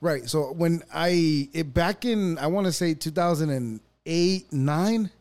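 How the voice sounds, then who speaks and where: A man in his thirties from El Salvador, hosting a casual conversation, halting and restarting often and laughing easily. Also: a little high, a little mellow. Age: 30s.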